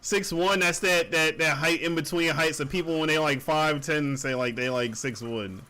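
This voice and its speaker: Young man, slightly high, bright voice; loose, profane livestream storyteller. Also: normal speed. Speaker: streamer. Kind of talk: casual livestream chat.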